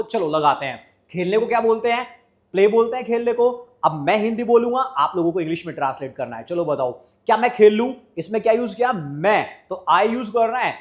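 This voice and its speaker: A man teaching a basic spoken English class in Hindi. He keeps asking the class questions and answering them himself. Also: high voice.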